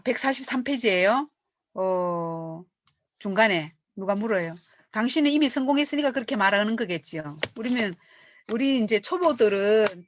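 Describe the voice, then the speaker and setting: A middle-aged woman, reading from a book and coaching on it as a lively storyteller who acts out the speech she quotes. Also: medium pitch. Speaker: business coach. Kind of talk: reading aloud and lecturing on a book. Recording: dull dry lo-fi recording.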